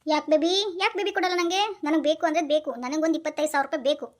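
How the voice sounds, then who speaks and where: A woman plays a bossy young wife in a cartoon, with a North Karnataka accent. The voice is high and fast. She orders her husband around and sweet-talks him for money. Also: lightly acted. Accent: North Karnataka Kannada. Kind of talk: cartoon voice acting.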